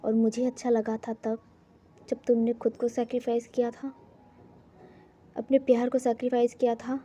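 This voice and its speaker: A man's voice: very high voice, monotone, moderate pace, warm tone. A man voicing a young man who scolds and pleads with his lover, in a reproachful, pleading manner. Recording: dull lo-fi recording, faint music.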